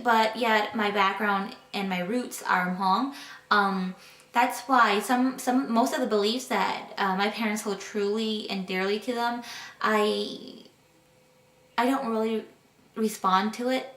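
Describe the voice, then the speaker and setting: A woman's voice: fairly high pitch, unhurried, fairly bright tone, recorded from a distance. A teenage girl speaking hesitantly about her life in a documentary interview. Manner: hesitant, searching for words. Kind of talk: personal testimony in a documentary interview. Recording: echoey room, speaker off-mic.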